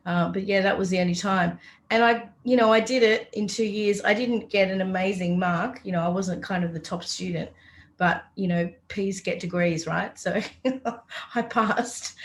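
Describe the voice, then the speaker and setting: A middle-aged woman hosts a podcast interview. She talks in a relaxed, chatty way, reflective and ready to laugh at herself. Her pitch sits in an ordinary middle range. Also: a little hiss or hum. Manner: chatty, self-deprecating, reflective. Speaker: podcast host. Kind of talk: casual interview chat.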